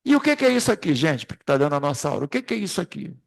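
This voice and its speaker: A man's voice: fairly high pitch, sing-song, rapid-fire, vocal fry. A man leading an informal spiritist study class, rambling through anecdotes and speaking straight to the group. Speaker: class facilitator.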